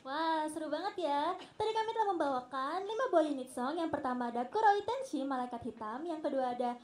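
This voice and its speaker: A young woman, an idol group member, hosting a stage segment in a bubbly, excitable and teasing way. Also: sits high, fairly quick.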